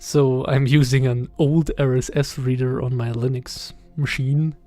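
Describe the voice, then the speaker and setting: A young man in his twenties with a German accent, talking casually in a podcast-style voiceover, hesitant and halting with many fillers and soft chuckles. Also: medium pitch, little pitch movement, soft background music. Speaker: channel host. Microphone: voiceover recorded separately.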